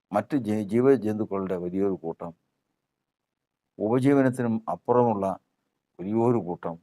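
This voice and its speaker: A man preaches a sermon in a somewhat low voice. He builds his points through repetition and rhetorical questions, pressing each phrase home. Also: warm tone.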